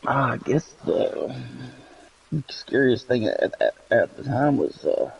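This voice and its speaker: A man from Tennessee, chatting casually as an interview guest, laid-back and quick to chuckle. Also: mid-range voice, expressive, vocal fry, breathy edge. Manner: laid-back, chuckles often, repeats phrases. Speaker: guest gamer. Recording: dull lo-fi voice chat audio.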